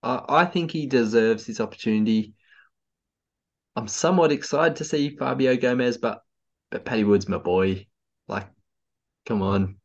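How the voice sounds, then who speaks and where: A man's voice: medium pitch, normal speed, pauses often. A man co-hosting a podcast in casual chat, a bit tipsy and enthusiastic, often stammering and restarting. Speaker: podcast co-host. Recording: slightly dull, lo-fi audio.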